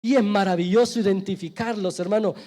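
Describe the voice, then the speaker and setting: High-voiced pastor preaching. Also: male voice, steady tone, a little fast, faint music behind. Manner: storytelling preacher, swells loud then drops to a hush. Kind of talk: sermon. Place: church.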